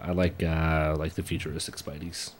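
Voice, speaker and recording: A man's voice: extremely low pitch, level tone, normal speed. A young adult man rambling in casual chat, swearing and trailing off. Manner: rambling, swearing, jumps into mock voices.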